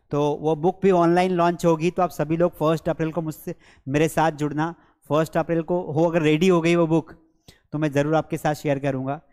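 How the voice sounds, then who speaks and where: A man teaching English grammar in a live online class, repeating example sentences slowly and checking that students follow; his first language is Hindi. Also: fairly high pitch, darkish tone, in a large hall. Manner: slow, drilled repetition of example sentences; coaxing, checks understanding with repeated questions. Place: studio with a board and screens.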